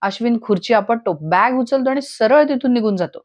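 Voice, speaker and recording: A young woman retelling a TV serial episode in a lively storytelling manner, voicing each character herself. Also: on the high side, a little fast. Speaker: serial episode recap narrator.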